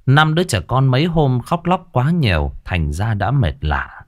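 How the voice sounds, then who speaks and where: A man narrating a horror story in a dramatic, expressive audiobook style. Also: mid-range voice, normal speed.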